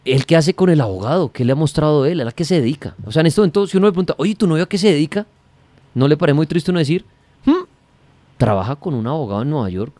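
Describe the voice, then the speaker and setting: A man's voice: fairly high pitch, animated, quick pace, mellow, dry recording. A man with a Colombian accent hosting a radio call-in, questioning in a probing, sarcastic way. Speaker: radio host.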